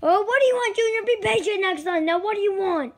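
A woman's voice: extremely high pitch, quick pace, a little hiss or hum, pitched above the performer's own voice. A woman voicing a grumpy adult male cook who sternly refuses a spoiled boy in a home toy skit. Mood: exasperated.

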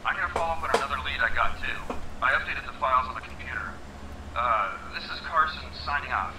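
A man voicing an awkward bounty hunter, haltingly dictating case notes on a tape in a video game. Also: medium pitch. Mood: uneasy, self-conscious. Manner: halting, self-conscious. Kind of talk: video game audio log. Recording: echoey, distant, noisy tape recording.

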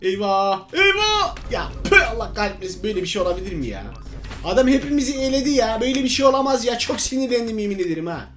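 Excitable young man with a high voice. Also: racing, soft background music. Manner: excitable, talks to viewers as friends. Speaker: gaming channel host. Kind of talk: live gameplay commentary.

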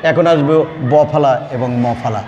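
A man's voice: mid-range voice, moderate pace, in a large hall, dull audio, noisy background. A man teaching an online grammar lesson, explaining step by step and repeating key words. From Bangladesh.

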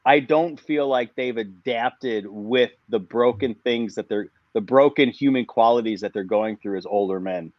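A man's voice: medium pitch, moderate pace, hardly any pauses, no room sound, lo-fi sound. A man in his forties, a musician guest, talking reflectively in a casual podcast conversation and circling back with frequent restarts. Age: 40s.

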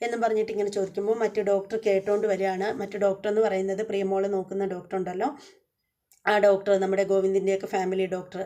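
Woman host recapping a soap episode, chatty and halting, warm mellow tone. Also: mid-range voice, flat delivery. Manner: chatty, many fillers and restarts, inclusive "our". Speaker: serial review host. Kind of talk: casual retelling of a TV serial episode.

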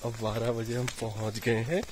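A man's voice: medium pitch, flat delivery, moderate pace. A man chatting casually with a travel companion outdoors at night, recorded on a phone held by the group. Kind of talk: casual chat. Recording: distant voice with outdoor noise.

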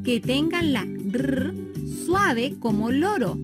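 A teacher with a high, sing-song voice leads a children's phonics lesson. She speaks slowly and spells out every sound clearly, praising each answer. Loud children's music plays underneath her. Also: sing-song. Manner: slow, carefully enunciated, praising. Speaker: primary school teacher.

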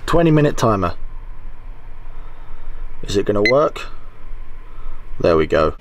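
A young man chatting excitedly to camera as a van life vlogger inside his small camper van. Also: lowish voice, unhurried, very noisy. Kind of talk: casual vlog narration to camera. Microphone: camera held or set close.

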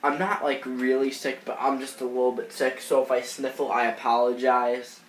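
In an echoey room with faint noise, a gaming channel host voices over baseball video game footage from off-screen, sniffling because of a cold. He speaks at normal speed in a mid-range, level voice, rambling casually with lots of fillers and restarts.

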